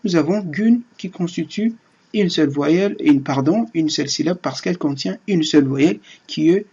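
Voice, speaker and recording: A man giving an online language lesson in French, halting and often restarting his words as he explains step by step. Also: fairly high pitch, warm tone, breathy edge, dull audio. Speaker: Turkish language teacher.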